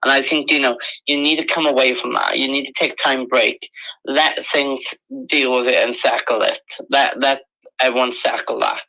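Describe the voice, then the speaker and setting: A man working as a spiritualist, giving live psychic readings in an earnest, repetitive, halting conversational way. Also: mid-range voice, steady tone, vocal fry, bright, forceful tone, rough recording.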